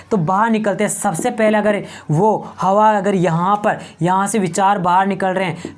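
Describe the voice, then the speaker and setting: A man from Rajasthan leads a board lesson, quizzing his students and then answering his own questions. He repeats each term several times and stretches out the words as he drills them. His voice sits fairly high for a man. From Rajasthan, India. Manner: asks the class questions and answers them himself, repeating key terms; slow, drawn-out drilling of words. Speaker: teacher. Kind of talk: exam-prep grammar lesson at a board.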